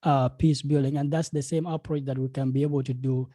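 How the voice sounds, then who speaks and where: A man's voice: medium pitch, little pitch movement, a little fast, dark tone, no room sound. A young man from South Sudan, speaking earnestly as a panelist in a video call, with many fillers and repeated words. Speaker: panelist, game studio founder. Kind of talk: panel discussion remarks.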